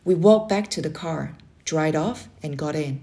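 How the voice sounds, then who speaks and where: Une femme qui lit à voix haute un livre pour enfants, avec une lecture expressive et animée. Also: female voice, sits low, measured pace. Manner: expressive, animated reading with dramatic swells. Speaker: children's book reader. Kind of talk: read-aloud storytelling.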